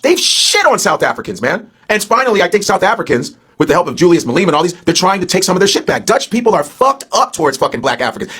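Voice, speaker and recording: Brief: male comedian guest, very fast and animated, slightly husky voice. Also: sits high. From born in the US to Nigerian parents. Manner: loud, profane, animated storytelling. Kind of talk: heated casual podcast talk.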